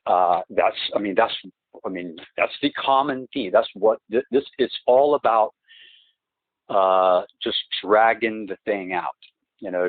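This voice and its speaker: A man on a phone call who talks in a halting, rambling way, restarting and repeating words, and presses his complaints insistently, heard through a phone line. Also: on the low side, no room sound. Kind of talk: phone conversation. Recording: tinny, dry phone-line recording.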